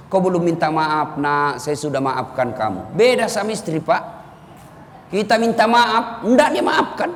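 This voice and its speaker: A man's voice: on the high side, slight background noise. A man preaching a sermon with humorous stories, acting out the people in them. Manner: lively storytelling, acts out voices in quotes. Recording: reverberant hall with faint ambience.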